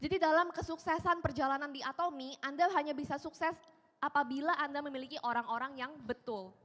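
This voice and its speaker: A woman interpreting a speaker's talk on stage, eager and quick after each phrase. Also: high voice, fairly even intonation, fairly bright tone. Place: large hall stage. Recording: hall with long reverb.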